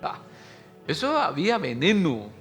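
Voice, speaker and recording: High, bright-voiced preaching man. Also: huge pitch swings, measured pace, faint music behind. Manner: emphatic preaching, often calling listeners "hermano". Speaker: pastor. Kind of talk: Sunday sermon.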